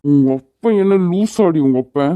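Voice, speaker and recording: A man's voice: fairly high pitch, animated, normal speed, warm tone, clear, resonant tone, no echo, lightly acted. A man voicing brash young husband Vikram. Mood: brash teasing. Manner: teasing, blunt. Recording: dry, phone-like narrow sound.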